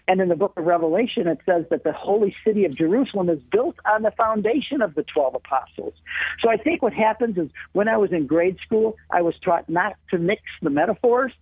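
A man speaks as a guest over the phone, his husky voice squeezed through a tinny line with no room sound at all. He explains eagerly, building his points step by step like a lecture. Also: sits high, no room sound. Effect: heard over a phone line. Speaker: radio show guest. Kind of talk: call-in radio explanation.

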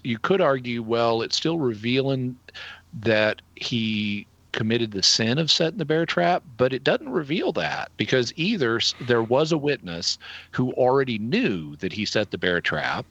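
A middle-aged man with an Arkansas Southern accent, explaining things conversationally in a deliberate, halting, analytical way. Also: mid-range voice, fairly bright tone, no echo, dull audio. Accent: Arkansas Southern American. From Arkansas, United States. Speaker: guest answering listener questions.

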